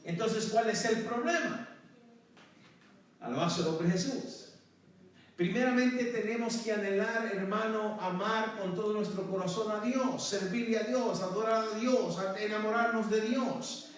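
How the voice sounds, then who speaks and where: A man's voice: sits high, measured pace. A male pastor preaching a sermon to his congregation, often calling them "hermano" and breaking into praise. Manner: calls out to the congregation, repeats "hermano" and praise phrases. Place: church sanctuary. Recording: very echoey church hall from far off.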